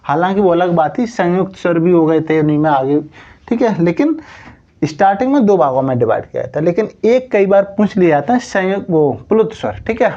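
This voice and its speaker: A man's voice: sits high, expressive, a little fast, mellow, lo-fi sound. A man teaching Hindi grammar in an exam coaching lesson. He asks and answers his own questions, keeps saying "theek hai", and stretches words out to show how long the vowels are.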